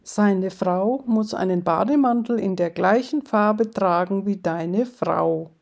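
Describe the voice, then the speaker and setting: A woman voicing a calm, know-it-all man at a bar who explains things with mock wisdom. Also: medium pitch, takes it slowly, creaky. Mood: wise. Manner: soothing, mock-wise.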